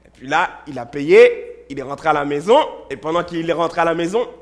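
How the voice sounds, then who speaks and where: A pastor with a slightly high, expressive voice preaches a sermon in a church at a somewhat fast pace. He tells stories, repeats words and moves between loud and hushed delivery.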